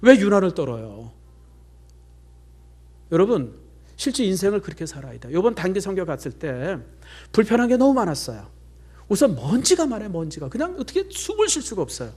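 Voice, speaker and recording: A man's voice: high voice, brisk, pauses often, slightly rough. A middle-aged male pastor giving a sermon, telling stories in a chatty way and sometimes dropping to a near-whisper. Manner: chatty storytelling with lively swings, drops to near-whispers.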